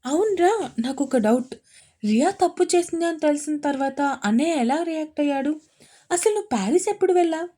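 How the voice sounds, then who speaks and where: An inquisitive young woman from a spoken romance story, voiced by a woman reader. The voice is pitched high and eager. She rattles off questions in rapid-fire bursts. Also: animated, mellow. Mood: curious.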